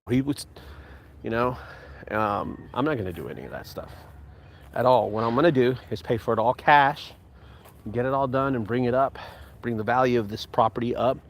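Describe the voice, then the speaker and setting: Showing his open rural property outdoors, a man in his forties who owns a junk removal business chats in a relaxed, casual vlog style. His voice is medium-pitched, he says "dude," and there's slight background noise.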